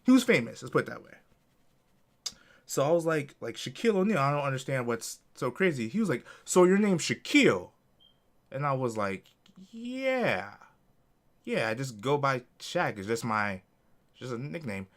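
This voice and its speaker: A podcast co-host from Connecticut tells a work story in casual chat, using a mid-range, sing-song voice at a moderate pace. He acts out callers in different voices and swears freely.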